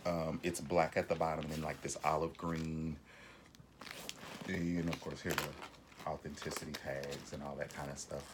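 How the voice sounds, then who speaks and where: A very deep-voiced man talks through his shopping haul in a loose, rambling way, full of ums and restarts. He is recording at home, and a clear hiss sits under his voice. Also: level tone, normal speed. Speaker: vlogger. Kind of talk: casual haul video chat. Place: home bedroom.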